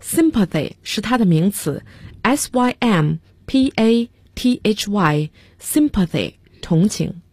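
A woman's voice: mid-range voice, animated, takes it slowly, darkish tone, breathy edge, no echo. A woman teaching English vocabulary on a radio lesson, spelling words out letter by letter and giving example sentences.

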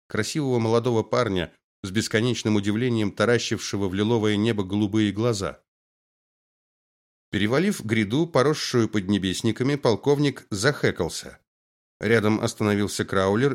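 A man narrating a science fiction audiobook in a brisk, dramatic reading style. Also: on the low side. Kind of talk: scripted narration.

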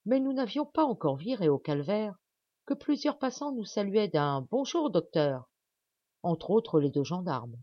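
Brief: woman audiobook reader, measured narration, medium pitch; dry, slightly dull home recording. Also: big pitch swings, no room sound.

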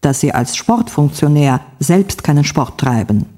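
A reader voicing a calm, matter-of-fact male doctor with dry humor, in a textbook story reading. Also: medium pitch, unhurried, pitched below the performer's own voice.

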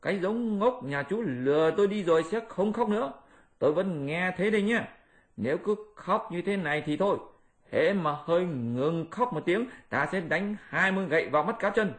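List: man voicing a high-pitched boastful monkey king, cheeky, bossy, storybook character. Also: lively intonation, normal speed. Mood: bossy teasing. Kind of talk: audiobook character voice.

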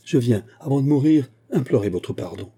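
A remorseful young man dying of poison pleads urgently, as a man reads him aloud. The voice is lifted above the reader's own and stays husky and dark. It is a storybook reading. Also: medium pitch, lively intonation, normal speed, pitched above the performer's own voice. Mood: pleading.

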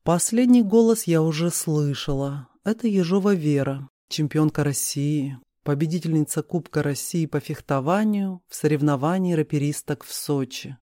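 Storyteller guy, slightly high but mellow, dry close mic, steady reading. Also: normal speed, no echo. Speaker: audiobook reader. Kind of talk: reading a first-person novel aloud.

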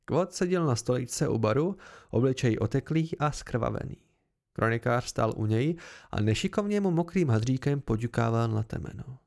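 A man narrating a novel as an amateur audiobook reading, in a low, measured way. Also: lively intonation, vocal fry, a little mellow.

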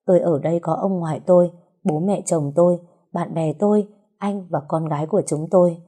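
A woman narrates a novel in the first person, reflective and emotional in her storytelling. Her voice is low-pitched and very mellow, with no brightness at all. The delivery suits an audiobook. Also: steady tone, a little fast.

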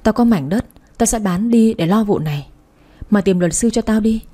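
Woman voicing a raging young mother, cursing, shouting, mellow voice. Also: mid-range voice, moderate pace, natural voice. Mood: bitter. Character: furious young mother robbed of her baby.

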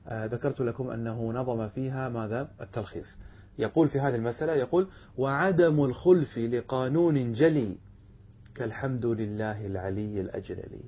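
A man's voice: medium pitch, slightly rough. A male teacher giving a classroom lesson, explaining a text and asking his students questions that he answers himself. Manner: reads quoted passages slowly and deliberately. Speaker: teacher of Arabic rhetoric. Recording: dull lo-fi lecture recording.

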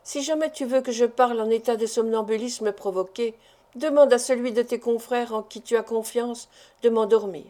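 A frightened young wife with a secret pleads with her husband in a fervent way, as a woman reads her. Her voice is fairly high and soft-toned. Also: steady tone, moderate pace, close to an everyday voice. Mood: fearful.

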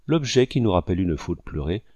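A man doing a kindly gentleman rescuer. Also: deep voice, big pitch swings, brisk, no echo, clean studio sound. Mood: gentle reassuring. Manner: gentle, reassuring. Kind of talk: audiobook character reading.

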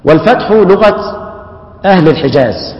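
An Egyptian man teaching Quran recitation rules lectures to a class in an echoey hall, captured with dull, lo-fi sound. His slightly high voice has lively intonation and an Egyptian Arabic accent, and he explains patiently and slowly, repeating terms and checking in with "yes."

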